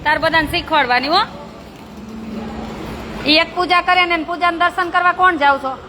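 A woman's voice: very high voice, normal speed. A woman who runs a charity for slum children. She talks casually with the kids, teasing, coaxing and scolding them in a playful but bossy way. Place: among a group of children. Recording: noisy crowded outdoor ambience.

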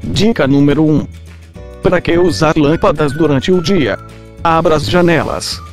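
A man voicing a generic mad scientist with a robotic voice, giving a scripted deadpan lecture. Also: a little high, a little slow, over music. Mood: lecturing. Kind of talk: comedic scripted explainer.

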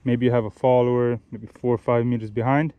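A young man talks through fishing tips beside a lake in a mellow, warm voice, at an unhurried pace. He explains things patiently and often stops to rephrase or correct himself. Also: mid-range voice, dry recording. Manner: relaxed, explanatory, with frequent restarts and self-corrections. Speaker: fishing vlogger. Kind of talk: casual instructional talk while fishing. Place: outdoors by a lake.

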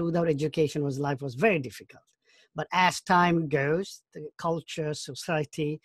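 A man in his fifties from Bangladesh, recalling his life in an interview, talking thoughtfully with halting restarts. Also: fairly high pitch, no echo, studio quality. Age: 50s. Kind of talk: oral history interview.

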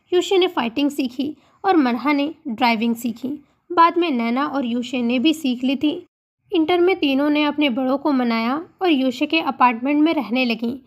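A woman narrating a romantic audiobook novel in a steady reading voice. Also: sits high. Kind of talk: scripted storybook narration.

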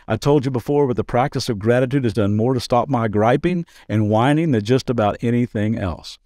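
A man's voice: medium pitch, a little fast, mellow, dry recording, clean studio sound. A man pastor giving a daily devotional podcast talk in an earnest, conversational way, with playful asides.

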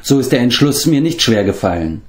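A man's voice: medium pitch, sing-song, a little fast, natural voice. A man reading aloud and voicing a boastful, hapless former king turned wandering bard who rambles and corrects himself. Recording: roomy echo.

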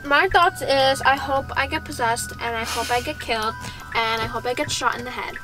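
A woman's voice: a little high, moderate pace, poor audio. A young American woman bantering casually with friends in a car, blunt and joking. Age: young adult. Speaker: vlog regular. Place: inside a car. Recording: loud background music.

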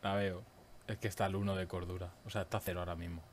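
A man's voice: deep voice, level tone, very fast. A young man with an accent from Spain, chatting and reacting as a panicky, foul-mouthed gamer streaming a horror game. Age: young adult. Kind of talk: casual gaming chat with shouted reactions. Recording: game noise behind the voice. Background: horror game sounds.

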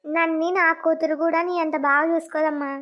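A kind, soothing mother-in-law from a village cartoon, voiced by a woman. She speaks gently in a very high voice. The audio is dull and lo-fi. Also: level tone, brisk. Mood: caring.

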